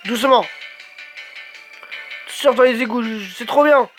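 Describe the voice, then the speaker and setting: A man giving let's play commentary, swearing a lot and exclaiming excitedly as he talks to himself. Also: extremely high pitch, a little slow, soft background music. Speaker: gamer.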